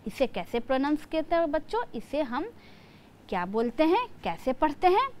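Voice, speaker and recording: A woman's voice: high voice, sing-song, normal speed. A woman teacher giving a lesson to young children, spelling words out letter by letter.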